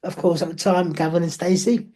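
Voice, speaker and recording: A male host leading a relaxed interview chat. He is friendly and blunt and slips in jokes as he sets up questions. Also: a little high, brisk.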